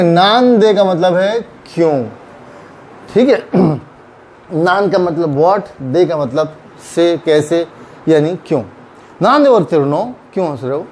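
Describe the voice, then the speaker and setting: A man with an Urdu accent teaching Japanese grammar, patiently repeating example phrases slowly. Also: high-pitched, darkish tone, slight background noise. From Pakistan. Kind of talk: explaining grammar in a recorded lesson.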